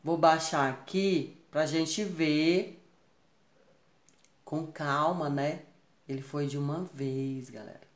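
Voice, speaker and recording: A woman's voice: sits low, steady tone, slow, pauses often. A Brazilian woman teaching English grammar in a recorded class, patiently checking in with her students after each point. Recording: echoey room.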